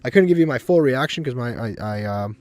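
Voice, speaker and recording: A man with a slight cold giving casual, monotone gameplay commentary, rambling and often restarting his sentences. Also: mid-range voice, brisk, no room sound, soft background music. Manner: monotone, self-described. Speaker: gaming video host.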